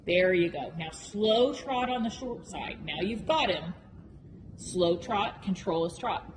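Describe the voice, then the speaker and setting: A woman riding instructor coaching a live lesson with brisk, projected commands, short and repeated, blunt and exacting in her corrections. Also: fairly low pitch, lively intonation. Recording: reverberant hall with clear background noise.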